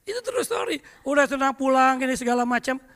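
A middle-aged man preaches in a high, bright voice, spinning lively stories from the pulpit. He keeps turning to speak straight to the congregation. His voice rings with the long reverb of a church hall. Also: quick pace. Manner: lively anecdotal storytelling, often addresses the congregation. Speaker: pastor. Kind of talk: storytelling sermon.

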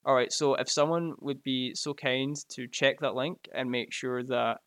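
A man's voice: mid-range voice, steady tone, measured pace, a bit bright, clear, resonant tone, dry recording. A Scottish man with a Glaswegian accent, chatting casually on a live stream in his home, joking and laughing often into a close microphone. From Scotland. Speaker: live streamer reading chat. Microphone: close mic right in front of the mouth.

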